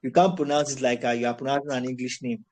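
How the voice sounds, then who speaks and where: A man's voice: mid-range voice, fairly even intonation, quick pace, darkish tone, rough recording. A man teaching a live voice-chat class. He coaxes and corrects his students and often restarts his phrases. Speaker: tutor.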